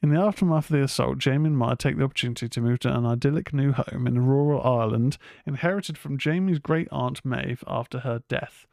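Gravelly man reviewing films. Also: mid-range voice, a little fast, few pauses, a little mellow, no room sound, studio quality. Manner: chatty, rambling, swears freely, many fillers. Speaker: film review podcast host. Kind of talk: casual film review chat.

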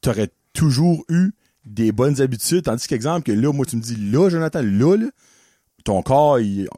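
A man's voice: medium pitch, lively intonation, moderate pace, warm tone, no room sound, clean studio sound. A man with a Quebec French accent co-hosting a podcast in a loose, joking, slangy chat. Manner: loose, joking, slangy, with English words mixed in. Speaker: podcast co-host.

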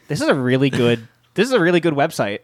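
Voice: mid-range voice, dry recording. A podcast host leading a casual movie review chat in a giggly, bouncy way. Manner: giggly, bouncy, animated talk.

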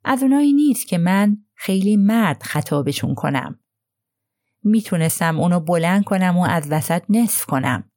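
Halting, apologetic young working man read by a woman, low and warm, dry close sound. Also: expressive, no echo, natural voice. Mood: earnest. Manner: halting, apologetic, groping for words. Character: young male country mechanic, plain and earnest.

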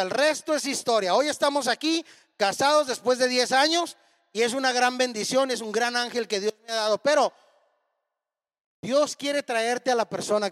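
A man in his thirties preaches a storytelling sermon, animatedly acting out each bit of dialogue. His voice sits very high for a man. A long hall reverb trails behind every phrase. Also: fairly bright tone. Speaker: pastor.

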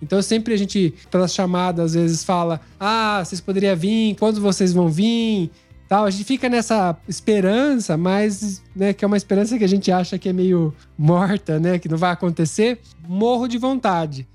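A young man with a Brazilian accent telling a story in a relaxed, chatty way, with many fillers. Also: sits high, moderate pace, soft background music. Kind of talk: casual storytelling chat.

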